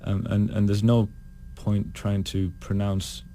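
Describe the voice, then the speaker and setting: A British man, a singer being interviewed, talking in a thoughtful, halting way full of restarts. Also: lowish voice, little pitch movement, dark tone, a little hiss or hum. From United Kingdom. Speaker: guest singer. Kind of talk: casual interview chat.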